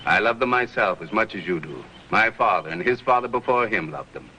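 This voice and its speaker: A man's voice: fairly low pitch, lively intonation, a little fast, bright, forceful tone, dull audio, a little hiss or hum. A stern older banker father. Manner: formal, lecturing.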